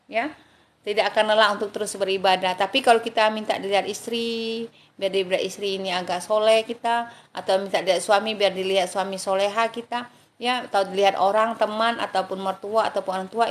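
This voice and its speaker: An Indonesian woman leads a live religious talk and answers viewers' questions with an affectionate, motherly manner. She thanks people by name, calls them darling, and now and then chants short Arabic prayers. Her voice sits at an ordinary middle pitch. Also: steady tone, quick pace.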